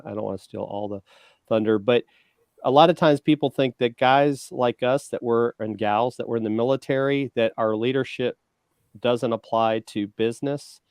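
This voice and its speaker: A man's voice: mid-range voice, darkish tone, clean tone, dry recording, studio quality. A man co-hosting a podcast in casual chat, talking loosely with many fillers and restarts. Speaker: co-host.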